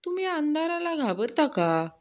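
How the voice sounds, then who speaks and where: A woman's voice: high voice, sing-song, moderate pace, voice pushed up. A woman voicing a cheeky young boy who slyly questions his father. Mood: teasing.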